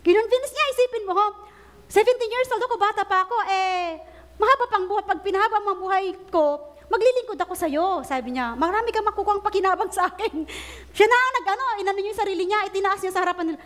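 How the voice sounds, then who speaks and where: Woman, very high pitch, animated sermon storytelling. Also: fast. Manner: animated storytelling, acting out quoted prayers; mixes Tagalog with English phrases. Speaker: preacher.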